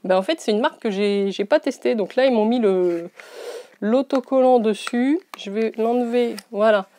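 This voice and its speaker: A woman's voice: on the high side, moderate pace, dark tone, a little hiss or hum. A woman beauty vlogger chatting casually while unboxing, rambling with frequent hesitations.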